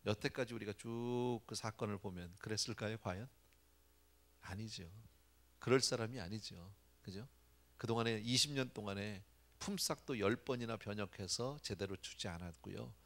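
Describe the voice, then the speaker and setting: A male pastor preaching at a church prayer meeting in a relaxed, conversational way. He often drops a short "yes" between phrases, and his voice is low with a gravelly edge. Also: normal speed. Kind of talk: sermon.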